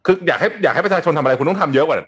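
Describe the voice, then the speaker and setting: Animated fast-talking man hosting a chat. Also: a little high, breathy edge. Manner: animated, sarcastic, many restarts. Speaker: host. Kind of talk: casual news talk show chat.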